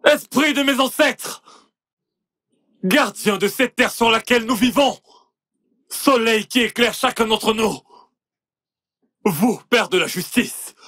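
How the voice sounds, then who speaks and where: A man's voice: extremely high pitch, a bit bright, heavily acted. A man voicing a poor, desperate suitor in a French film dub, pleading and stammering. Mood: invoking. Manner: pleading, stammering, then invoking spirits. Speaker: rejected suitor.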